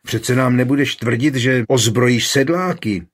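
A man's voice: medium pitch, lively intonation. A man reading a scornful, dismissive town mayor. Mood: sneering. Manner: sneering.

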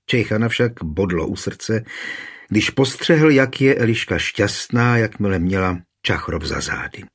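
Husky low-voiced male audiobook narrator. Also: expressive. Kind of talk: scripted narration.

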